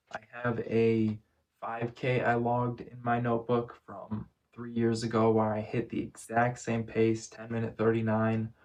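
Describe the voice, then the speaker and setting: Male vlogger, unhurried and deliberate, fairly flat intonation, medium pitch, casual personal recap delivery. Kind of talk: casual first-person running vlog recap.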